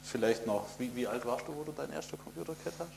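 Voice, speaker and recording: A man's voice: medium pitch, quick pace, vocal fry. A man in his fifties talks eagerly about old computers, stumbling and restarting as he goes. His mid-range voice sits in a roomy, echoing space. A faint hum runs behind him. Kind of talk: casual retro computing chat.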